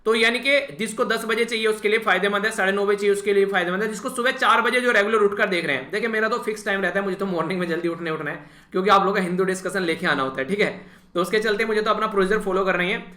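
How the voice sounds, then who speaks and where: In an echoing room, a man briskly runs an informal exam-prep lecture, talking straight to the students and filling gaps with repeated "thik hai." His voice is pitched high and comes across bright and forceful.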